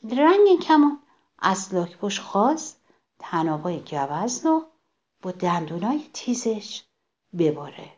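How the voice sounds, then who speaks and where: Animated woman reading a children's story. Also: mid-range voice, dull audio. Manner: animated, addressing children directly.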